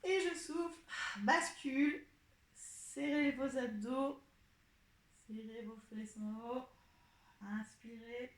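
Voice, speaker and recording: Slow-cueing pilates instructor woman, echoey room. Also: fairly high pitch. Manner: calm step-by-step cueing of breath and movement. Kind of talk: guiding an exercise class.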